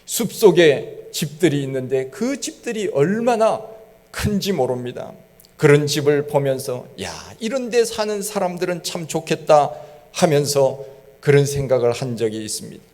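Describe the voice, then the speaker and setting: Male pastor, sermon delivery, slightly high voice, long church reverb. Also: darkish tone. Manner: addresses the congregation with questions and calls of hallelujah.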